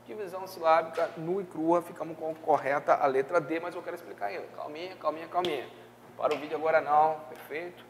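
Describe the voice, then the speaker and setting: A Brazilian man teaching an exam-prep review class, lively and checking in often with his students. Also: on the high side, fast talker, long reverb tail, a little hiss or hum. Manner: lively, peppers speech with tag questions.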